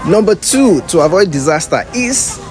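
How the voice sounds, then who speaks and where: A man's voice: high-pitched, very animated. A man with a Nigerian accent, delivering sarcastic comic lines in a skit. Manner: sarcastic, quick punchlines. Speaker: content creator. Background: music.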